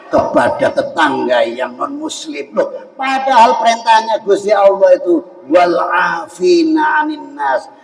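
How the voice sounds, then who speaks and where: A man with an Indonesian accent giving a jokey, animated Ramadan sermon in a mosque hall, acting out the voices he quotes. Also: sits high, vocal fry. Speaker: preacher. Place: mosque hall at a fast-breaking event. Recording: echoey hall, voice from far off.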